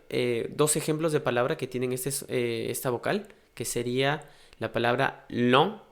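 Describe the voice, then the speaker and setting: A man with a mid-range voice, teaching pronunciation in a patient, step-by-step way. He pauses to sound out examples as he explains them. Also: mid-range voice. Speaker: language teacher.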